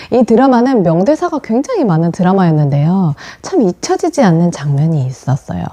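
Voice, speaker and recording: A pastor's wife giving a devotional talk, telling stories in a gentle, earnest and expressive way. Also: female voice, lowish voice.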